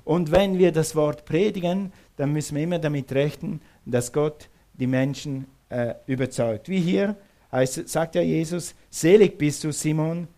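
A middle-aged male preacher with a slightly raised pitch. He speaks emphatically in sermon style. He presses his listeners with repeated questions. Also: measured pace, warm tone.

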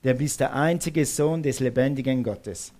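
A man's voice: mid-range voice, moderate pace, darkish tone. A middle-aged man preaching a sermon, emphatic, repeating questions to his listeners.

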